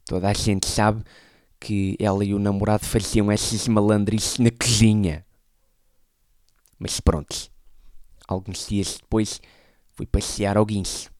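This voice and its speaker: A man, telling an absurd story deadpan as a stand-up comedian. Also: on the low side, unhurried, no room sound, studio quality.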